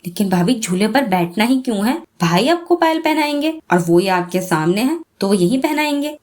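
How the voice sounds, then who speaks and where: A woman's voice: on the high side, very animated, normal speed, darkish tone. A woman voicing a cheerful young woman who teases and bosses her siblings with a playful manner. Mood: teasing. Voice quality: playful, teasing. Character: teasing cheerful young woman, bossy sister.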